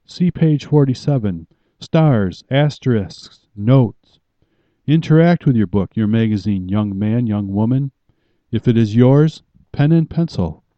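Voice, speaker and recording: A man's voice: mid-range voice, lively intonation, measured pace, dark tone, dry recording, muffled recording. A man preaching a sermon in an emphatic, commanding way as a pastor.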